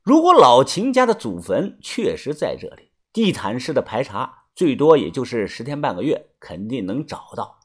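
Lively, chatty male storyteller. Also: medium pitch, slightly rough. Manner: chatty, with drawn-out particles. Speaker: audiobook narrator. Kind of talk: storytelling narration.

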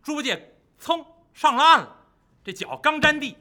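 A man performing a traditional storytelling piece, talking to the audience in an animated way. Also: extremely high pitch, moderate pace. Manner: lively, animated, addresses the audience.

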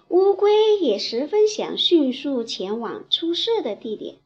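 High, lively woman reading to a toddler. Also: dull audio. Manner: expressive, simple explaining as if reading to a toddler. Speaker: children's bedtime storyteller, teacher. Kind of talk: reading a bedtime story to young children.

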